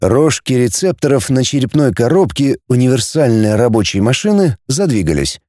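A man narrates a storybook in a warm, mellow voice. His intonation is lively and expressive, and his pacing is measured. The recording is close and dry, with no room sound. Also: mid-range voice, no room sound. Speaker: audiobook narrator. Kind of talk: audiobook reading.

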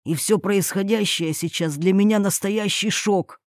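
A woman's voice: medium pitch, a little slow, dry recording, studio quality, lightly acted. A woman reading a tense lost man. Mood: defensive. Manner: urgent, hushed commands. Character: frightened, scolding man lost in a forest. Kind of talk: audiobook character reading.

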